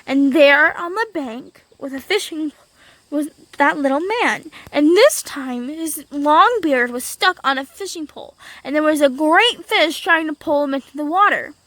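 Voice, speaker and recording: A woman telling a fairy tale in a lively, unscripted way, with small slips and repetitions. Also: sits high, unhurried, no echo, rough recording. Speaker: storyteller. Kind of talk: casual storytelling.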